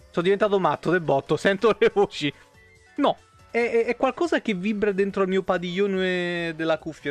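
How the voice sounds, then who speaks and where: A young Italian man streams a game from home, talking into a headset mic with a sore throat. His voice sits a touch high for a man, and he chats casually, greeting viewers by name and swearing often. Faint music plays behind him. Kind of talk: casual live-stream chat.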